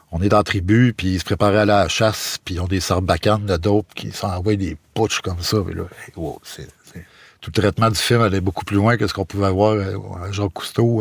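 A visual artist with a Quebec French accent introduces his guest, narrating in a casual, personal, colloquial way with some hesitation. His voice is low-pitched, and the recording is dry.

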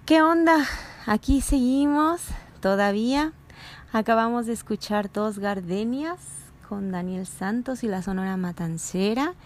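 Young woman, novice radio host, nervous delivery, drops to whispers between lines. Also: mid-range voice. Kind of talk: casual radio hosting.

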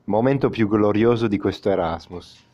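A dull, lo-fi recording of a young man with a fairly low voice. He acts as co-interviewer, asking questions in a casual conversational style. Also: normal speed. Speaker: podcast co-interviewer. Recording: dull lo-fi sound.

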